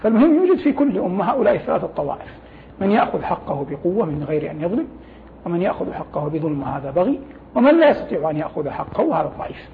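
A man's voice: sits high, very animated, gravelly. A man speaking as a religious scholar, explaining scripture didactically in formal Arabic and reciting quotations. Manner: didactic, formal Arabic with pauses to gloss phrases. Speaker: religious scholar, programme guest. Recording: thin phone-like sound with faint noise.

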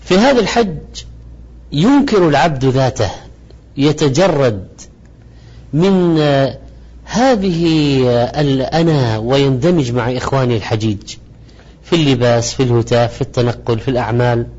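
A man giving a religious lecture in formal standard Arabic, speaking in a measured, didactic way in short phrases. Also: medium pitch, darkish tone, husky. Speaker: religious lecturer presenting a program. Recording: slightly dull, lo-fi audio.

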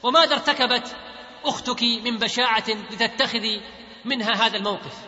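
A man's voice: very high-pitched, a little fast, bright, forceful tone, full character voice. A man reading the questions of a probing male talk-show host, in an echoey hall on a dull lo-fi recording. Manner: questioning, read out plainly.

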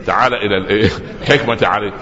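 A man's voice: fairly low pitch, fast talker, pushed and bright. A male preacher with an Egyptian accent giving a sermon, moving between colloquial storytelling and formal recitation. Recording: dull, hall reverb.

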